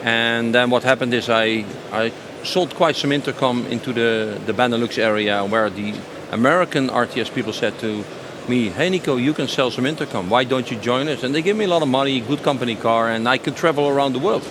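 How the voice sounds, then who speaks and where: A man in his 50s, a company sales director, answers interview questions at a trade show stand in a mid-range voice, talking briskly with hardly any pauses. He is spontaneous and enthusiastic, stressing and repeating phrases, while clear background noise from the busy exhibition fills the recording.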